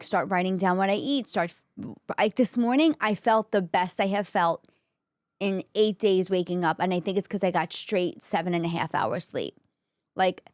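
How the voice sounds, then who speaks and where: A woman's voice: lowish voice, darkish tone, no echo, clean studio sound. A woman, hosting a podcast and talking casually and candidly straight to her listeners. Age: 40s. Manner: candid, conversational, addresses listeners directly. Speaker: podcast host. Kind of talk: casual solo talk to audience. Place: indoor podcast studio.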